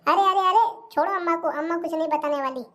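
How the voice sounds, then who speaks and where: Bossy sly young bahu, as a voice actor puts her on, high voice, cartoon comedy. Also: quick pace, bright, forceful tone. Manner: bossy and sly, talks back. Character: sharp-tongued young daughter-in-law, scheming.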